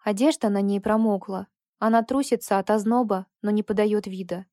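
A woman narrating a first-person story for an audiobook in a measured, intimate way. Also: mid-range voice, steady tone, warm tone, no room sound, studio quality.

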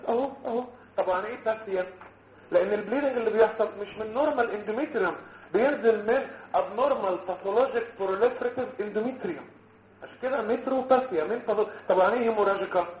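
A man's voice: high voice, a little hiss or hum. A man with an Egyptian Arabic accent teaching medical students, joking and quizzing them as he mixes in English terms. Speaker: medical lecturer. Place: lecture hall. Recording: roomy, muffled lecture hall recording.

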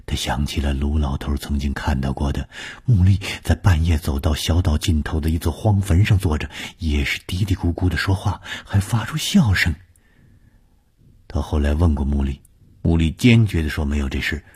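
A man narrating a horror audiobook slowly, building suspense. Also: a bass voice, darkish tone, breathy edge. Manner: slow, suspenseful storytelling. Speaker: storyteller.

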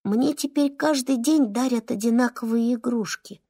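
A small, sorrowful boy from a storybook, his voice soft and trembling, fading into whispers, as a woman reads him. The voice sits fairly high and sounds close and dry. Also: moderate pace, breathy edge, no room sound. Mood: sad, quiet. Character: small sad boy missing his father.

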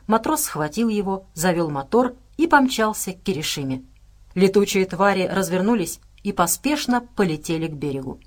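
A woman with a medium-pitched voice reads a scripted audiobook narration in a steady, even manner.

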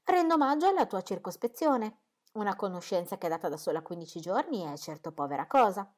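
A woman reading aloud, voicing a dry, ironic older gentleman who teases his wife. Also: medium pitch, big pitch swings, a little fast. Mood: wry.

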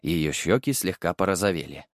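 A man narrating a first-person audiobook with expressive, wry storytelling. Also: sits low, normal speed, no room sound, studio quality.

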